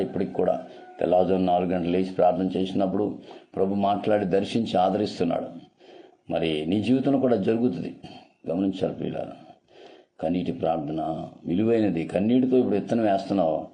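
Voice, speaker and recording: A man's voice: sits low, creaky, dark tone. A man giving a morning devotional sermon as pastor, earnest and repeating key phrases for emphasis.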